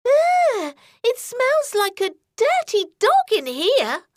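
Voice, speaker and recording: A woman's voice: very high voice, wildly swooping pitch, takes it slowly, no echo, studio quality, pitched above the performer's own voice, exaggerated voice. A woman voicing a bold, outspoken little girl in a children's story, exclaiming pertly. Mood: pert, inquisitive.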